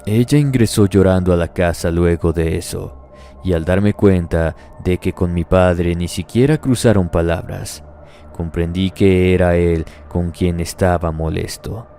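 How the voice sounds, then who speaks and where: Male horror narrator, very low pitch, gravelly texture, steady measured scripted delivery, faint music underneath.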